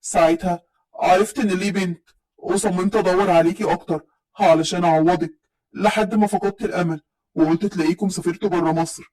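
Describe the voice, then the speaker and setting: A woman playing an elderly village patriarch from Upper Egypt in a storybook tale. He is affectionate but stern, with an Upper Egyptian accent, and his lines are read at a brisk pace. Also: sits high, steady tone, darkish tone, voice pushed down, low-quality recording. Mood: tender.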